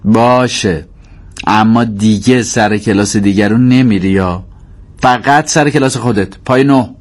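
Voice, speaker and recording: A man's voice: fairly low pitch, pitched above the performer's own voice, close to an everyday voice. A man playing a sarcastic older matriarch. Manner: sarcastic, sulky. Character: proud, mocking older mother of the house.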